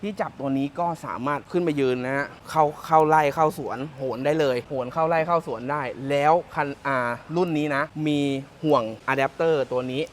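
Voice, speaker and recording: A chatty car salesman from Thailand walks around a pickup truck outdoors, joking and repeating his points. His voice sits a little high for a man, and a faint outdoor ambience runs under it. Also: fairly quick, few pauses, a little hiss or hum. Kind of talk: casual walkaround car presentation.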